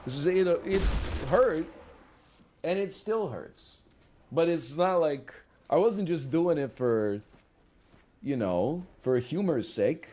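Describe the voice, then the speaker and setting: A man's voice: on the high side, lively intonation, slow pace, mellow, a little hiss or hum. A man in his thirties chatting casually on a live stream, telling rambling, self-mocking stories to his viewers.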